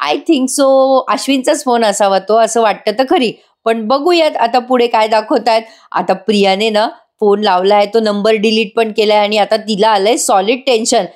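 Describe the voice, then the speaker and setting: A woman's voice: fairly high pitch, normal speed, hardly any pauses. A woman hosting a casual recap of a TV serial, chatting to her viewers. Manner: chatty, addresses viewers, laughs often.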